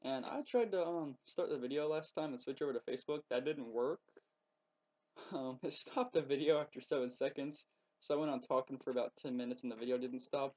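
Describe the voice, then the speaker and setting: A teenage boy vlogging casually at home into his laptop, rambling and halting with lots of ums and likes. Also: mid-range voice, darkish tone. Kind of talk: casual webcam vlog. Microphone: laptop webcam mic. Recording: muffled lo-fi laptop audio.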